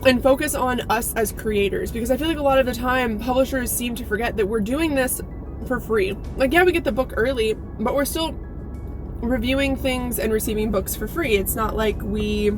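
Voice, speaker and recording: A woman's voice: a little high, normal speed, music in the background. A woman from Alaska with an American accent chats casually to her viewers in a candid, informal, sweary way, like a vlogger. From Alaska, United States. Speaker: YouTube book reviewer and vlogger. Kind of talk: casual vlog chat. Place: inside a parked car.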